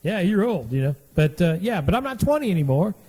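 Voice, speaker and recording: A man's voice: sits high, sing-song, fairly quick, warm tone, slightly rough, big-room sound. Rambling fifty-something man on a podcast. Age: 50s. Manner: rambling, repetitive, folksy. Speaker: podcast host. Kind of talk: casual monologue podcast.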